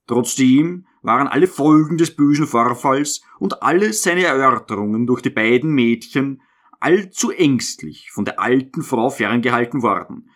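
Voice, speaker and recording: A man narrating a literary audiobook in a measured, expressive way. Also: mid-range voice.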